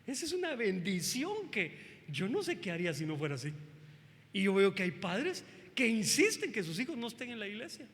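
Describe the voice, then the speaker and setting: A man preaching as pastor at a family church service, emphatic and animated, addressing the congregation with questions. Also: high voice, normal speed, in a large hall.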